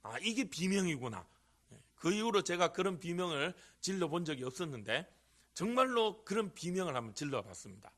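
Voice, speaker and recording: Middle-aged male pastor, fairly high voice, earnest sermon delivery that builds to emphatic peaks, miked in church. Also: very animated, brisk, a bit bright. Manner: earnest preaching, rises to emphatic cries. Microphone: handheld or stand microphone.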